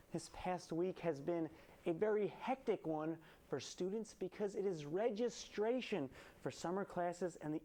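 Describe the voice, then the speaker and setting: A man's voice: sits high, darkish tone. Male late-night host, twenties, punchy topical joke delivery, studio stage monologue. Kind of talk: comedy monologue with topical jokes. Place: student TV studio with painted skyline set.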